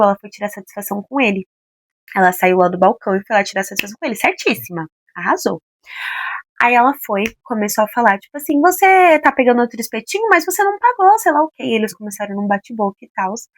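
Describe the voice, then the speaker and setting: A young woman from Brazil in her twenties, telling a personal story to her followers in a casual, expressive way and acting out what each person said. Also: mid-range voice, no echo. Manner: expressive, animated, acts out quoted lines. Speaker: vlogger.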